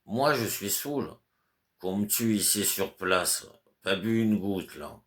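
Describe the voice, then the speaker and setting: A man's voice: on the low side, lively intonation, slow pace, fairly bright tone, pitched above the performer's own voice. A man voicing a drunken, stubborn male servant who denies everything indignantly.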